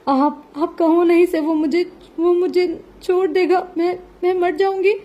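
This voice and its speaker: A woman's voice: sits high, fairly even intonation, warm tone, lo-fi sound, pitched above the performer's own voice, natural voice. A woman voicing a terrified young wife who cries and stammers as she pleads. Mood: sobbing plea. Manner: stammering through sobs. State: crying.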